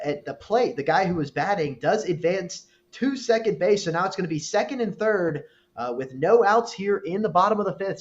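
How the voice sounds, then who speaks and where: A man doing live baseball commentary, explaining plays in a measured way with frequent fillers. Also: high-pitched, highs cut off.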